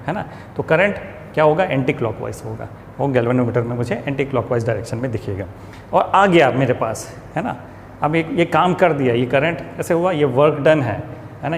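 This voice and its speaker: Long reverb and faint ambient noise surround this classroom physics lecture, given by a man whose voice is a little high. Working through ideas step by step, he answers questions he raises himself and shifts into slow, careful reading whenever he reads English statements aloud.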